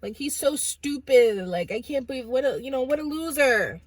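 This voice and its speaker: A woman's voice: sits high, animated, normal speed, dry recording, pitched above the performer's own voice. A woman voicing jeering teenage boys. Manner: taunting, scornful.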